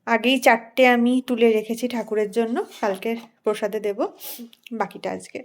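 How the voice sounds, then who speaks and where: A woman vlogger and mother chatting casually at home, talking softly and straight to her viewers. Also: fairly high pitch, fairly even intonation, normal speed. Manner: soft, homely, talks straight to viewers. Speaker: vlogger, mother of a small boy. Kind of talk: casual home vlog chat.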